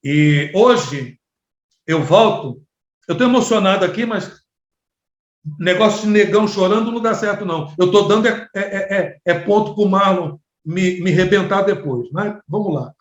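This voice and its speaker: A middle-aged man with a Rio de Janeiro accent preaching a storytelling sermon as pastor, animated and acting out the people he quotes. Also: high voice, moderate pace. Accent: Rio de Janeiro Portuguese. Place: church hall. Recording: echoey church, slightly dull sound.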